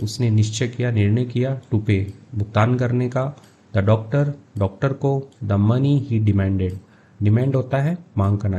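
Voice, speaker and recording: Mellow-voiced man teaching English. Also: medium pitch. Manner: reads English phrases slowly, then explains in Hindi. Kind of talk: line-by-line story translation lesson.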